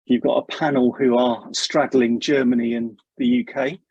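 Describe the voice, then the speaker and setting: Man, webinar host, gravelly fry in the voice, slightly husky, chatty and welcoming, video call. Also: mid-range voice, steady tone, normal speed, darkish tone, no room sound, muffled recording. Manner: chatty, welcoming, joking with guests. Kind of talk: casual webinar welcome chat.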